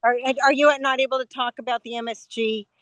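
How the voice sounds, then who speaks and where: Woman caregiver on a video call asking a question, halting, repeats herself, dry sound. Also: a little high, steady tone, a bit bright, dry recording. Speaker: caregiver attendee. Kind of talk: audience question.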